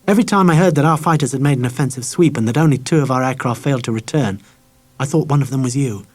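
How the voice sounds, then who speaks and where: A man voicing a posh young English woman with an upper-class accent, who speaks in a shrill, clipped and accusing way. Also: expressive, fast, a little mellow, husky. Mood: angry.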